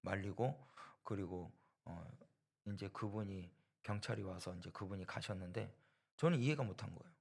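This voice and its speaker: A man preaching a sermon in a gravelly, rough-edged voice. He drives points home with repeated phrases and rhetorical questions, slipping into the voices of people in his story. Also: sits low, moderate pace. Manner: emphatic, rhetorical questions and repetition; storytelling that acts out quoted voices. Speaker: preacher at a church.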